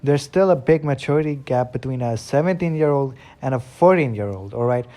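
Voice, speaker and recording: A man's voice: mid-range voice, expressive, a little fast, warm tone. A man with a non-American accent ranting bluntly and profanely while reacting to his own old videos. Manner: profane, blunt ranting with filler "all right?". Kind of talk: casual ranting commentary.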